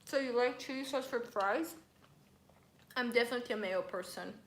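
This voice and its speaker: A woman's voice: on the high side, moderate pace, fairly bright tone. Chatty woman vlogger in a roomy space. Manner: chatty, reads viewer comments aloud. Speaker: vlogger hosting a live stream. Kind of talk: casual live-stream chat while eating.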